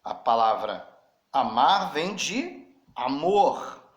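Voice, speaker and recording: A male teacher. He gives a slow, deliberate grammar lesson, spells out letters and speaks straight to his students. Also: mid-range voice, sing-song. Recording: roomy echo.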